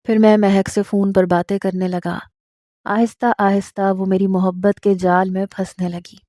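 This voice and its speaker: A woman narrating a first-person romantic story in a steady, scripted reading style. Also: mid-range voice, dry recording, clean studio sound.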